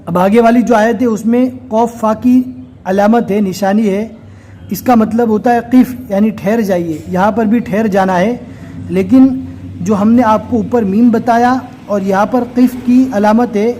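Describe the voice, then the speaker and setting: High-voiced man teaching Quran reading. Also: steady tone, mellow, slight background noise. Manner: explains slowly and step by step, then recites in a slow chanting voice. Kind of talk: recorded recitation lesson.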